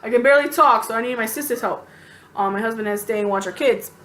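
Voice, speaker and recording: A woman telling a personal story to camera in a casual, animated, chatty way, venting bluntly and acting out quotes. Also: a little high, fast talker. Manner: animated, chatty, lots of fillers and acted-out quotes.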